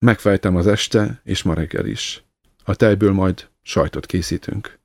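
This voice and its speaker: Egy férfi, aki egy alázatos, türelmes felnőtt menyet szólaltat meg halk, engedelmes hangon. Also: male voice, deep voice, gravelly, no room sound, studio quality. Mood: meek. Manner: quiet, submissive. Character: meek, patient grown daughter-in-law.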